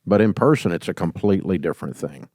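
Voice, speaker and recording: A man's voice: low-pitched, lively intonation, fast, breathy edge, no room sound. Emphatic folksy middle-aged man, dry studio. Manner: emphatic and folksy, leaps to loud acted quotes. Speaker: host giving leadership advice. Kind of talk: call-in advice talk.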